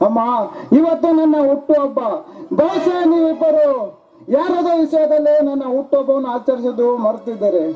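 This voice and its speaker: A man's voice: extremely high pitch, normal speed. A man playing a young son who confesses to his mother, in solemn, pleading folk stage declamation. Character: young adult son confessing a grave sin. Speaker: stage actor. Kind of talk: live folk stage drama. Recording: lo-fi live recording, loud music behind.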